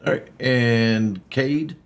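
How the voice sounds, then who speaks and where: A man's voice: medium pitch, very slow, vocal fry. A man hosting and narrating a tabletop game as game master, talking casually with plenty of fillers and laughs.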